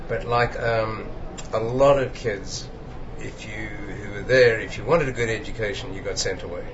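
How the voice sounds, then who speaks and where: A man's voice: on the low side, normal speed. An older man from Zambia, a cardiologist recalling his background thoughtfully with many fillers. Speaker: cardiologist guest. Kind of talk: reflective conversational interview. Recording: dull, noisy conference recording.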